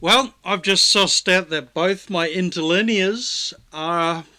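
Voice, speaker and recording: A man talks through Bible texts in an unhurried, drawn-out way, in a fairly high voice. His tone is bright and a bit sharp. He is sarcastic and rambling, correcting himself as he goes. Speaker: YouTube vlogger. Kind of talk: casual mocking commentary on Bible texts.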